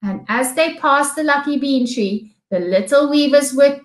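A woman teacher with a South African accent reading a storybook aloud to young children, slow and expressive. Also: high voice. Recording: echoey room.

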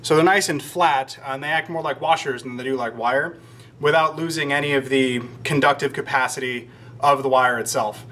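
A man in his thirties from Georgia, USA, speaks at a normal pace with a medium-pitched, bright, forceful voice. He explains things casually to the camera from inside a shop workroom under renovation, wandering into wry, self-deprecating asides. A camera mic about arm's length away picks him up over faint background noise.

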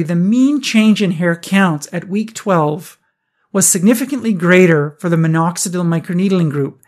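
A man hosting a podcast, briskly explaining research findings and asking rhetorical questions. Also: sits high. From Canada. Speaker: podcast host. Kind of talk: scripted research review.

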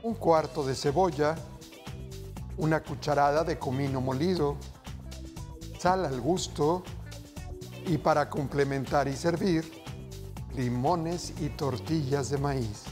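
A man's voice: fairly high pitch, slow, pauses often. A middle-aged man hosting a TV cooking show, chatting to viewers as family while he explains each step. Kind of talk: TV cooking demonstration. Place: TV studio kitchen set. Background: background music.

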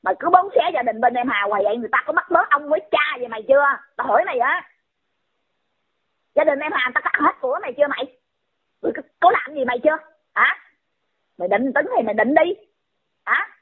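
A woman's voice: high-pitched, animated, fast talker, long pauses. A woman, scolding someone in a heated rant and firing off repeated insulting questions. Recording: tinny phone-line audio.

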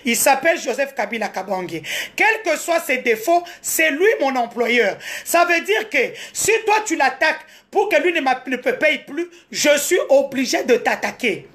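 High-voiced Congolese woman streaming live. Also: moderate pace. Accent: Congolese French. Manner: animated, switching between French and Lingala. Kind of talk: casual live-stream storytelling.

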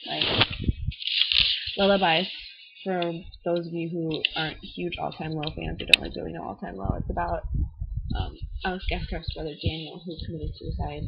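A young adult with a Minnesotan accent chats eagerly and loosely, trailing off into "um"s and "like"s. The voice sits at a middle pitch. It is recorded on a laptop's built-in webcam, so the sound is dull and lo-fi. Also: creaky, very noisy. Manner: enthusiastic, rambling, many "um"s and "like"s. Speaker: vlogger reviewing music albums. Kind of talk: casual rambling chat.

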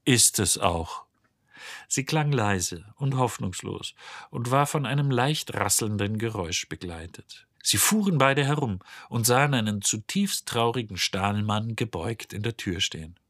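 A man reading an audiobook in scripted narration, husky and measured. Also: on the low side, animated, a bit bright, dry recording, studio quality.

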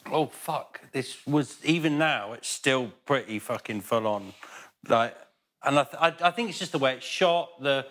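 A man's voice: medium pitch, fairly bright tone. A man in a casual podcast chat, telling wry, reflective anecdotes. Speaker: cast member.

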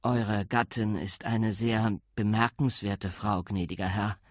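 A man's voice: on the low side, steady tone, dry recording, studio quality. A man reading an audiobook, voicing a nervous young village constable who speaks hesitantly. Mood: timid. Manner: hesitant, slow, timid. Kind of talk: audiobook character voice.

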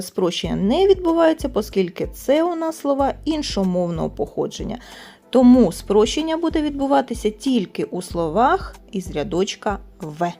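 A woman teacher going through exam tasks step by step, saying the example words slowly and clearly. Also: on the high side, dark tone. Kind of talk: exam prep lesson.

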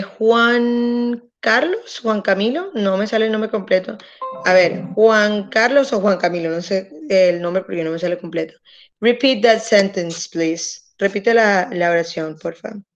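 A woman teaches English in a slow, unhurried way, stretching out model words for her students to copy. She sounds patient and explanatory. The audio is muffled and lo-fi, like a remote class heard over a laptop. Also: mid-range voice. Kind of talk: online language class, switching between Spanish and English.

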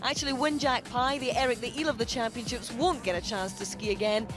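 A woman presents ski results in a brisk broadcast manner, with a wry touch. Her voice sits a little high, and music plays clearly behind her. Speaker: sports presenter.

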